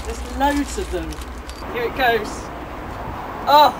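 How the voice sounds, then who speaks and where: A woman's voice: a little high, animated, slow pace, background noise. A woman in her thirties chatting to camera in her back garden, squeamish and amused at herself. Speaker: vlogger. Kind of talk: casual to-camera vlog.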